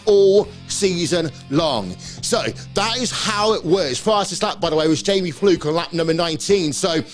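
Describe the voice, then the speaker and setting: A man's voice: sits high, normal speed, faint music behind. A man with a British accent presenting after a race, upbeat as he reads out results and sets up interviews. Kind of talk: post-race studio presenting.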